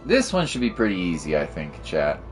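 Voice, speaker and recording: Low-pitched but wildly swooping, a man talks briskly through his livestream gameplay. Game music runs underneath as he tosses out slang and casual musings, half to his viewers and half to himself.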